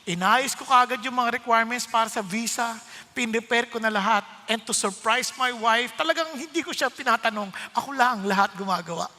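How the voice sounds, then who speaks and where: Middle-aged male preacher, high and bright, animated storyteller, long hall reverb. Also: fairly quick. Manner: animated, acts out dialogue, laughs often. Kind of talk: sermon with personal storytelling.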